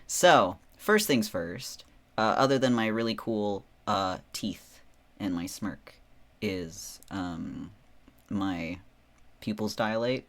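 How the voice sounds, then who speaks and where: Guy streamer just chatting, kinda low voice, playful and a bit dramatic, jokey bragging. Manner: playful, theatrical, tongue-in-cheek boasting. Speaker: livestreamer. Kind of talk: casual livestream chat.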